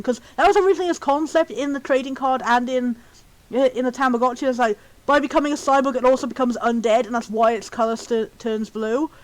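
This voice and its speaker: Hosting a video series, this high-pitched speaker, who might be male or female, comments casually over poor-quality audio. Their talk stops and starts, loops back, and wanders through tangents and chuckles.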